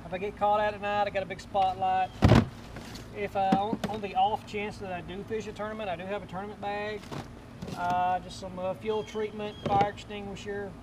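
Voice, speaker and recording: A man's voice: sits high, flat delivery, moderate pace. A middle-aged man hosting his fishing channel, giving a casual, rambling tour of his boat outdoors with lots of ums and uhs. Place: outdoors beside a boat on a lawn. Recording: noisy outdoor camera audio.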